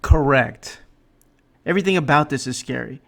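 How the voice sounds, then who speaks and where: Man, sarcastic commentary host, deadpan mocking jokes, mid-pitched voice. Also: normal speed, vocal fry.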